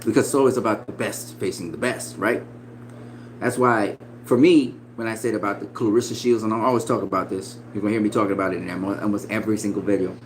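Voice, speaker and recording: A man in his forties giving casual, profane boxing opinions, swinging between loud emphatic bursts and quiet asides. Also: fairly low pitch, steady tone, fast, slight background noise, low-quality recording. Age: 40s. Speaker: boxing commentator.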